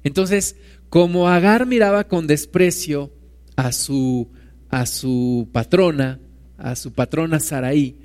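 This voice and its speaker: A man's voice: fairly high pitch, slow, a little mellow. A man preaching a sermon, reading Bible verses and explaining them in a conversational way, often asking his listeners "right?".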